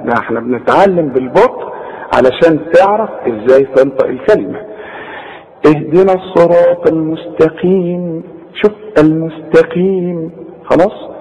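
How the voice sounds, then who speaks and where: A man with an Egyptian accent teaching Quran recitation step by step, patiently correcting mistakes and slowly drawing out words to demonstrate. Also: on the high side, darkish tone, long reverb tail, rough recording. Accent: Egyptian Arabic. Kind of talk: step-by-step tajweed lesson.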